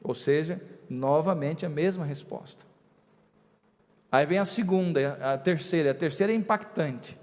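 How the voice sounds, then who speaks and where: High-voiced preacher in a reverberant hall. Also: male voice, unhurried, a little mellow. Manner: emphatic, rising and drawing out key words. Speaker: bishop preaching. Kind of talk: sermon.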